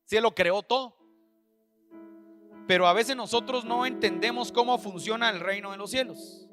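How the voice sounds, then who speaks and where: A man's voice: high voice, moderate pace, over music. A man preaching a sermon at a church service, with impassioned, repetitive phrasing and direct appeals to the listener.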